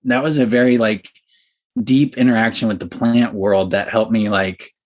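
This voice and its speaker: A young man telling a story as a podcast guest, excited and animated, with many fillers. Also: on the low side, normal speed. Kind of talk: casual storytelling.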